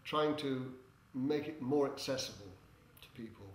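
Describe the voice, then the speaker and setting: An older man answering interview questions as a theatre director, in a hesitant, halting way with droll, tongue-in-cheek humour. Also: mid-range voice. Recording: echoey room with background noise.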